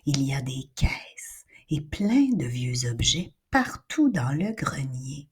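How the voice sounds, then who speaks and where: A woman reads a children's story aloud, slow and gentle, her voice often sinking to a whisper. Her tone is breathy and rather high, with a lively rise and fall.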